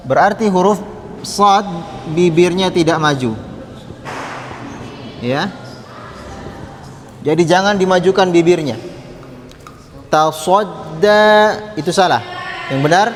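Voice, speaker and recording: A man teaching tajwid, patiently demonstrating Arabic sounds slowly and having the class repeat after him. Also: high-pitched, big-room sound, slight background noise. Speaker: Quran recitation teacher. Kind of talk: tajwid lesson with chanted examples.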